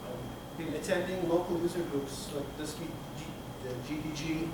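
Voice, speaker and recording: A man from Turkey gives a technical conference talk, his voice on the high side, in a conference room with a projector screen. He speaks haltingly, with many fillers and restarts. The room camera at the back of the hall picks him up from far away, so the recording is echoey with room noise.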